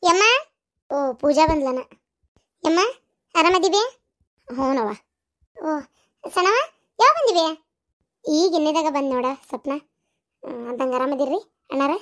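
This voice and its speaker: Woman voicing cartoon village women, North Karnataka Kannada accent, very high squeaky pitch, shrill and exclaiming. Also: lively intonation, measured pace, pauses often, a bit bright. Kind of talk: cartoon voice acting.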